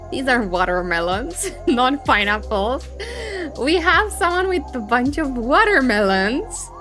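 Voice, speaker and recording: A woman's voice: high voice, big pitch swings, slow pace, bright, forceful tone. A woman live streamer doing tarot readings, chatting casually and giggling as she greets her viewers. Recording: background music under the voice.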